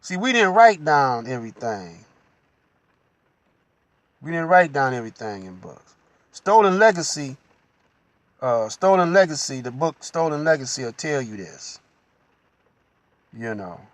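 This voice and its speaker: Slow-preaching man, dry close sound. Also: mid-range voice, sing-song, no room sound. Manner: slow, unhurried preaching with pauses and "you know". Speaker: host. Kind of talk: religious teaching monologue.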